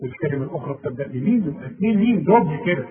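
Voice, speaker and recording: A man with an Egyptian Arabic accent gives a Quran recitation lesson in a high, light voice. He draws the verses out slowly, then cuts in with brisk corrections to his student. The sound is thin and tinny, like a phone line. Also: expressive. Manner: slow drawn-out recitation between quick corrective explanations.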